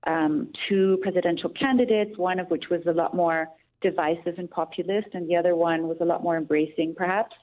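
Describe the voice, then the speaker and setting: An Austrian woman calls in as a guest on a radio interview, offering thoughtful opinions in a reflective, earnest way with many restarts. Her voice is fairly low and fairly quick, with fairly even intonation, and it comes through a tinny phone line.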